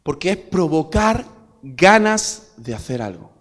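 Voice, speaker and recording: Spanish preacher with a slightly high voice. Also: male voice, very animated, a little slow. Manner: rising to loud emphatic peaks, then dropping to quiet asides; asks the congregation rhetorical questions. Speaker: pastor. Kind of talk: sermon.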